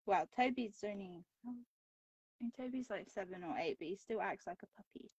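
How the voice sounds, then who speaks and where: A livestream co-host chats casually while colouring, laughing often between remarks. Her mid-range voice is husky with a darkish tone at normal speed, and the dull, dry lo-fi stream audio has no echo.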